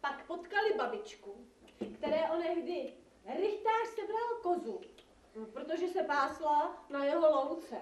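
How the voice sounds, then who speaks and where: A woman's voice: sits high, animated, a little hiss or hum. A woman playing a cheeky young she-devil who tells stories at a live puppet theater show. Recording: echoey room, from far off.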